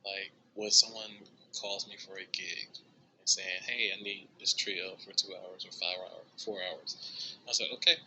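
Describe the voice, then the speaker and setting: A young man from the United States talks about his music in a relaxed, chatty way. His voice is very bright, and light noise sits behind him. When he quotes himself his pitch leaps up into excited, squealing outbursts. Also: unhurried, rough recording. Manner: animated, bursts into high excited exclamations when quoting himself. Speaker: drummer, interview guest. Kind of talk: casual storytelling interview.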